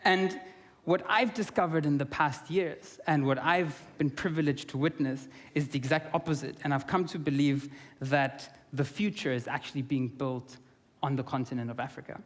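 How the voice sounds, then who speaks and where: An earnest young Austrian man delivers a conference talk in a voice slightly high for a man, with fairly even intonation. He often fills gaps with ums and restarts phrases, and a long reverb from the large hall trails his words.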